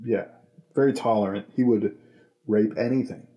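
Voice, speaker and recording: A man hosting a podcast, chatting casually and jokily, rambling with deadpan asides. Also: fairly low pitch, normal speed, lo-fi sound. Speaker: podcast host. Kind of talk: casual comedic chat.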